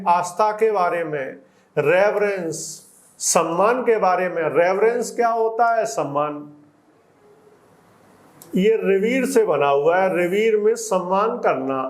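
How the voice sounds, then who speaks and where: High-voiced Indian teacher in an echoey room. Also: male voice. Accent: Indian English. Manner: reads English phrases slowly, then explains in Hindi with questions. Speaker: English teacher. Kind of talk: newspaper reading lesson.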